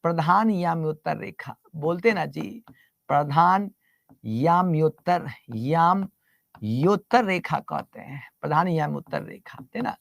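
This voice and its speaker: A man's voice: fairly high pitch, unhurried, vocal fry, no echo, studio quality. A male teacher lecturing a class, repeating terms and constantly asking the students to answer back. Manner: repetitive call-and-response questioning; teasing, mixes English terms into Hindi.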